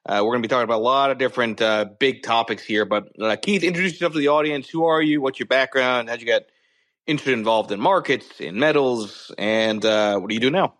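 A man hosting a conversational interview, halting at times and repeating his words. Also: mid-range voice, a bit bright. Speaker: interview host.

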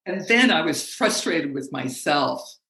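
Animated woman speaking coach, roomy sound. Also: sits low. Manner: animated, laughs often, halting restarts. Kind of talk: conversational interview.

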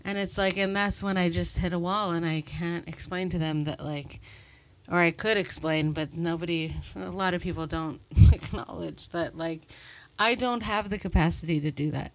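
Woman, 30s, from Montreal, solo podcast host; slightly low voice, casual, rambling, self-deprecating. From Montreal, Canada. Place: bedroom at home.

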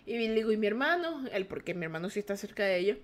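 A young woman hosting a podcast, telling a story in casual chat with a dramatic, animated delivery, acting out what others said and swearing, then censoring herself. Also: mid-range voice, very fast. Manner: animated, dramatic, acts out quoted voices. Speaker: podcast host.

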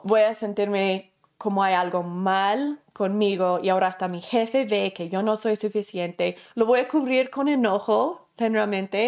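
Woman, class teacher, conversational lesson, medium pitch, asks herself questions, fillers and restarts. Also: vocal fry, darkish tone. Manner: explains through self-questioning and acted examples; conversational, with fillers and self-corrections.

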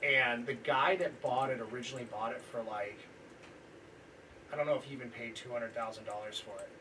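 A man's voice: medium pitch, fairly even intonation, fairly quick, pushed and bright, recorded from a distance. Male podcast host, casual sports chat, rambling, heard from off-mic with faint noise. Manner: rambling, lots of restarts and laughter.

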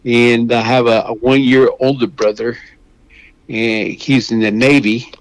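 An older man from Mexico, a guest on a radio show, telling his story slowly with many restarts and fillers. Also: mid-range voice, level tone, no echo, rough recording. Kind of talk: phone interview.

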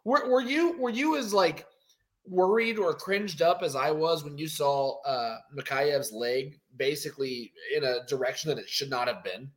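A man co-hosting a casual post-fight show, talking in an animated, rambling way with many fillers. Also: on the high side, moderate pace. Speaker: co-host.

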